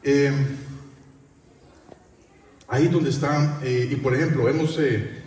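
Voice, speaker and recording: A male pastor preaching a sermon, halting, full of fillers and repeated tag questions. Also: mid-range voice, fairly even intonation, a little mellow, a little hiss or hum. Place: church hall. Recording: echoey church hall from far off.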